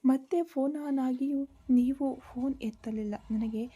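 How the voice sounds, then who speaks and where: A woman voicing a tearful young wife apologizing to her husband over the phone, in a soft breathy voice. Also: sits high, steady tone, a little slow. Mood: pleading. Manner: pleading, soft breathy delivery.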